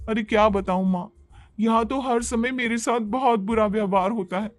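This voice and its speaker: A man's voice: sits high, steady tone, moderate pace, no echo, studio quality, natural voice. A man voicing a young wife who complains dramatically and pities herself. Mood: complaining. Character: whiny self-pitying young wife.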